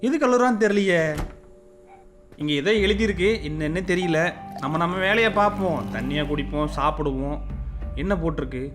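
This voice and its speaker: A man's voice: a little high, lively intonation, a little fast. A man hosting a let's-play of a horror game, panicking and scolding the game's ghosts aloud as he goes. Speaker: gaming channel host. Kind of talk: let's-play gaming commentary. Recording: game music playing behind the voice.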